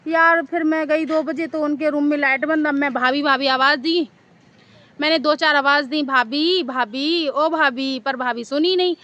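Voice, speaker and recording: A woman's voice: high-pitched, fairly even intonation, moderate pace, fairly bright tone, dull audio. A woman vlogger casually telling a story to camera outdoors in a park, chatty and rambling, often repeating herself.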